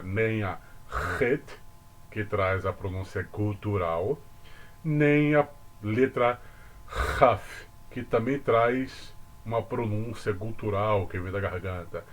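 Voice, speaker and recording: A man with a Brazilian accent explaining religious ideas in casual talk, deliberate, with asides to the viewer. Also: lowish voice. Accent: Brazilian Portuguese. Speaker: religious commentator.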